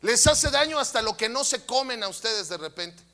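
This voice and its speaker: A man with a Mexican Spanish accent, preaching a sermon who acts out voices and then shouts at the congregation. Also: very high-pitched, expressive, moderate pace. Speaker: pastor.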